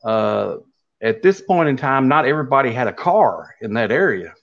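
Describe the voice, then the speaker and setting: A man's voice: mid-range voice, big pitch swings, gravelly, fairly bright tone. Folksy Appalachian Kentucky man, dull lo-fi audio. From Kentucky, USA. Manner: folksy, halting, unhurried telling. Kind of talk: casual oral storytelling.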